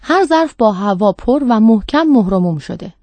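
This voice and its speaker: A woman voicing a creepy, courteous older male doctor who collects last breaths, speaking smoothly and calmly in a storybook reading. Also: fairly high pitch, no room sound, lightly acted. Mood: polite, eerie.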